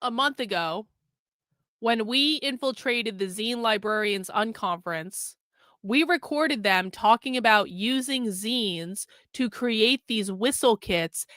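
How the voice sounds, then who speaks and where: A woman gives casual livestream commentary in a fairly high, bright and forceful voice. She is emphatic and sarcastic, often repeating a phrase to drive it home. The sound is dry. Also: dry recording. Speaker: livestream host and self-described undercover reporter.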